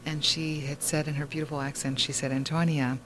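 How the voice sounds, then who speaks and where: A woman's voice: sits low, little pitch movement, fairly quick, background noise. A woman hosting a talk show, telling a long story in a rambling way with many fillers and restarts. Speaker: host.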